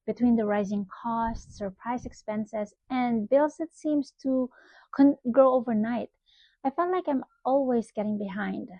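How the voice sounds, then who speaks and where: A woman with a fairly high voice speaks in a measured, serious tone. Her recording sounds dry and slightly dull. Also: mellow, no echo. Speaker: mom and database administrator.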